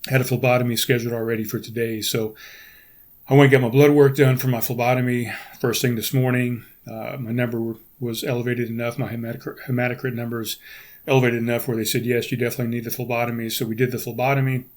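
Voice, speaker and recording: A middle-aged American man hosts a casual solo podcast, his medium-pitched voice raspy, hoarse and congested with little pitch movement. He pauses often to clear his throat and restarts his sentences.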